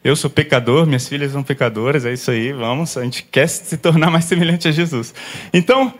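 High-voiced pastor telling family stories. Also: male voice, fairly quick. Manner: lively storyteller, acts out family scenes. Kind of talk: sermon with personal anecdotes.

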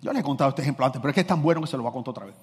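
Husky preacher man in a ringing hall. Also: rapid-fire. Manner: animated preaching, swings from loud emphasis to low asides, acts out anecdotes. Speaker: pastor. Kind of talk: sermon.

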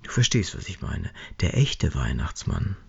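Old real santa, slow and earnest, low raspy voice, a man putting him on. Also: big pitch swings, a little mellow, highs cut off, exaggerated voice. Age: older.

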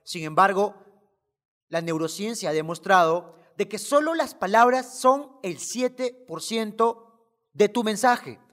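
A woman's voice: medium pitch, expressive, slow, fairly bright tone. Emphatic woman coaching public speaking. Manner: emphatic, rhetorical questions and repetition. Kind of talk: motivational talk to camera.

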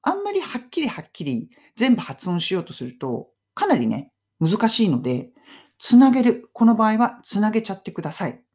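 A woman hosting a casual English lesson in Japanese, modeling English phrases slowly and clearly for listeners to repeat. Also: mid-range voice, wildly swooping pitch, a little mellow. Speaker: English teacher podcast host.

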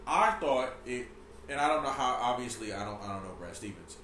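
A man co-hosting a podcast, talking sports in an animated, teasing way and quick to laugh. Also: medium pitch. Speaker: podcast co-host. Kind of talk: casual sports chat. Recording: echoey room, faint background hiss.

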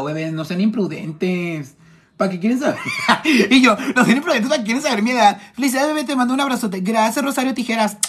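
Reading comments from his viewers during a live stream on his phone, a makeup artist from Tijuana banters in a flamboyant, teasing way. He has a high-pitched, husky male voice and a northern Mexican accent.

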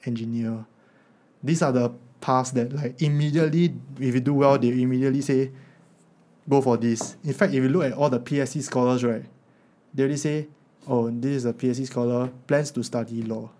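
A man's voice: medium pitch, fairly even intonation, fairly quick, warm tone. A man in his twenties with a Singaporean accent, giving casual advice in colloquial Singlish sprinkled with particles like lah and meh. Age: 20s. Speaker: podcast speaker, university student.

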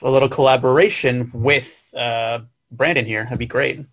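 A man's voice: medium pitch, steady tone, normal speed, fairly bright tone. A man who is a musician guesting on a podcast, chatting casually and laid-back, laughing easily. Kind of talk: casual chat.

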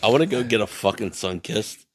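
A man's voice: fairly low pitch, animated, a little fast, dry recording. A man in a casual beer-tasting chat, chiming in with blunt, profane remarks.

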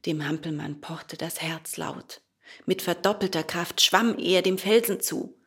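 A woman reading a children's fairy tale aloud in a slow, expressive storytelling manner. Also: lowish voice, gravelly, slightly rough.

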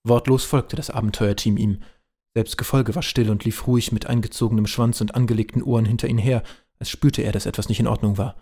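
A man's voice: fairly low pitch, steady tone, fast talker, dark tone, husky. Man narrating a homemade audio drama.

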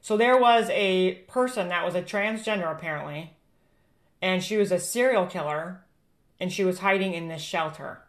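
A woman's voice: lowish voice, moderate pace. An American woman presenting prophecies informally, reading aloud and adding emphatic, admonishing asides.

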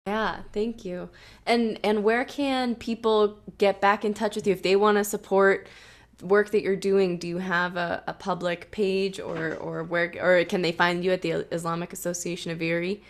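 A woman's voice: mid-range voice, flat delivery, normal speed. A woman hosting an interview, asking questions and closing politely and appreciatively. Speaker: interview host.

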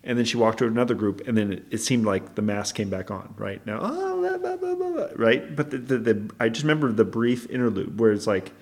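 Young man, co-host, gravelly voice, rambling and hesitant. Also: fairly low pitch, fairly quick, few pauses, a little mellow. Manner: rambling, hesitant, many restarts. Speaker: podcast co-host. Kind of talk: casual chat.

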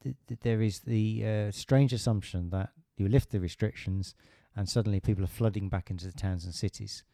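A man's voice: fairly low pitch, fairly even intonation, brisk, vocal fry, hardly any pauses, dark tone, no echo, studio quality. A middle-aged British man talking in a casual podcast conversation, hesitant with many restarts and fillers. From Britain.

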